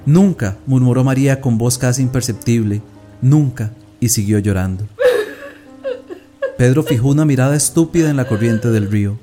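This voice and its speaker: A man narrating a classic tale as a scripted audiobook, reading in a measured, solemn way. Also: mid-range voice, dark tone, soft background music.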